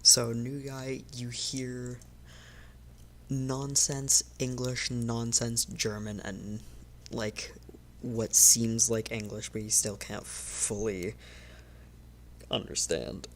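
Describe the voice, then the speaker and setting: A game master narrating a tabletop game in an unhurried way, with filler pauses. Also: mid-range voice, flat delivery, slight background noise.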